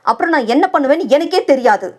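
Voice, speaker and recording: A woman voicing a quick-tempered, jealous young wife who is a lawyer, scolding and teasing her husband. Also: high-pitched, animated. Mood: angry.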